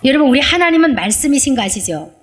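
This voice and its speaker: A woman's voice: big pitch swings, quick pace. Earnest woman pastor giving testimony. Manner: earnest, emotional storytelling with shifting pitch. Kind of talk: testimony sermon.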